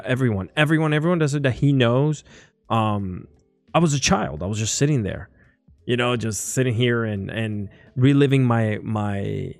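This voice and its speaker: Man, podcast host, casual rambling talk, lowish voice, dry sound, faint music behind. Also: dry recording. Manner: chatty, rambling, enthusiastic. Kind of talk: casual interview chat.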